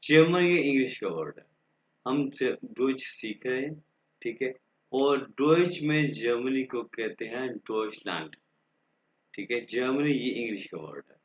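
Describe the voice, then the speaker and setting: A man whose first language is Urdu, teaching a German class online and slowly drilling the alphabet for students to repeat. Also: medium pitch, expressive, reverberant, muffled recording. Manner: slow, patient, drills letters aloud for students to repeat.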